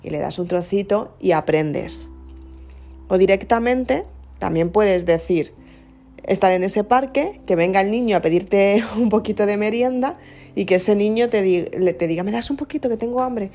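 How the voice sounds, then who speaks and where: Woman, reflective monologue, mellow low-key tone, faint music under her. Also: unhurried. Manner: earnest, questioning, restarts words. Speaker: speaker giving personal reflections.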